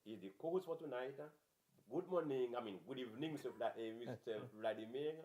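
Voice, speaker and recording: A man hosting a community talk show, speaking haltingly and repeating his phrases as he introduces guests. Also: mid-range voice, expressive, darkish tone. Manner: halting, repeats phrases, mixes in some French. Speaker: pastor and show host. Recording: echoey room.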